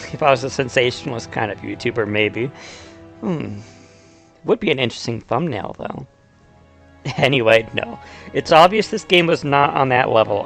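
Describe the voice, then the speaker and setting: A man with a slightly high voice and vocal fry narrates a video essay about games as a YouTuber and video game explainer. His semi-scripted retelling and commentary mixes storytelling with casual, conversational asides.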